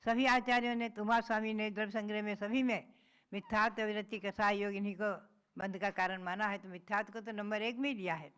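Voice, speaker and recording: A woman's voice: medium pitch, steady tone, fairly quick, fairly bright tone, clean tone. A woman, a Jain nun, giving a patient religious discourse, reciting verses and then explaining them.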